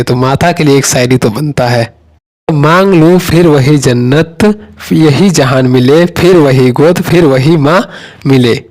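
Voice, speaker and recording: A man's voice: mid-range voice, darkish tone. A man giving an online lesson, teaching English words for family members and asking himself rhetorical questions as he explains.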